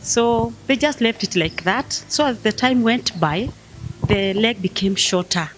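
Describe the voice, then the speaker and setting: A Tanzanian woman in her fifties, a guest in a testimony interview, tells her life story hesitantly and plainly, slipping in Swahili words. Her voice is fairly high and her pace measured. Faint music plays behind her.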